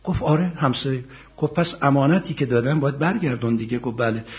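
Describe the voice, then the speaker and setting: A middle-aged man preaching a sermon, telling stories quietly and then rising to loud, impassioned emphasis, chanting scripture verses slowly. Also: medium pitch. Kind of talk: sermon with storytelling.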